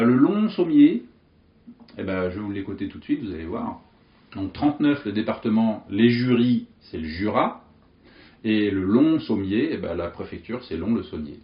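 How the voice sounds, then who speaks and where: Lively man explaining memory tricks. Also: lowish voice, roomy sound, muffled recording. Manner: lively, animated, jokey storytelling with vivid images. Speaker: memory coach. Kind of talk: explanatory teaching monologue.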